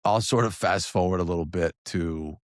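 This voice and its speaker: A man's voice: low-pitched, moderate pace, no echo, clean studio sound. A man in his thirties hosting a solo podcast, talking conversationally with frequent restarts and asides. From New Jersey area. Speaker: podcast host.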